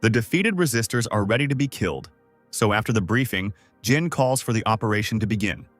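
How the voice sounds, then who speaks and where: A man narrating a comic recap in a steady, scripted storytelling delivery. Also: fairly low pitch, a little fast, dry recording, soft background music.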